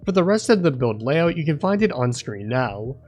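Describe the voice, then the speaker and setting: A man reading a scripted voice-over walkthrough in a steady, explanatory way. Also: fairly high pitch, normal speed, faint music behind. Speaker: video game guide creator.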